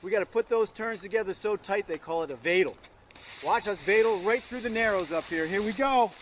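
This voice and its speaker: A man's voice: sits high, a little fast, a bit bright, slight background noise. A man working as a ski instructor, coaching informally and encouragingly in short instructions out on a slope. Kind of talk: ski lesson demonstrated on the slope.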